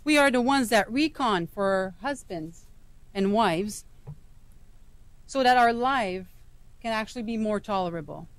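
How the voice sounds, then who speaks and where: A woman's voice: mid-range voice, lively intonation, a little slow, long pauses, dry recording. A woman with a Quebec French accent delivering an earnest, emphatic prepared speech as a veteran's wife and advocate.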